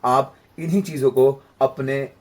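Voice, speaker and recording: A male voice practice coach speaks at a measured pace in a mid-range voice with fairly even intonation. His informal instructional talk includes demonstrations, everyday examples and check-ins with the listener.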